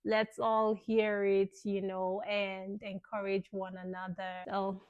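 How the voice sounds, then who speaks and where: A woman's voice: mid-range voice, monotone, takes it slowly, smooth, no room sound, lo-fi sound. A young woman vlogger earnestly recounting a personal experience in a casual, thankful way, often saying "you know".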